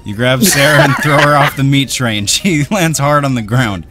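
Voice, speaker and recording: A man's voice: medium pitch, normal speed. A man playing a text adventure with a friend, reading the story aloud and breaking into laughter. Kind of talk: casual gaming chat. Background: background music.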